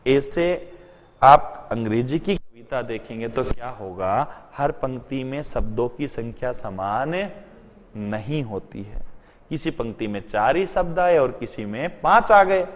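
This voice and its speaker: A man's voice: medium pitch, lively intonation, measured pace. Hindi-speaking man teaching in an echoey room. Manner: rhetorical questions answered himself; mixes in English terms and sentences. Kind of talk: exam-prep lecture. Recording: dull lo-fi sound in a long-reverb room.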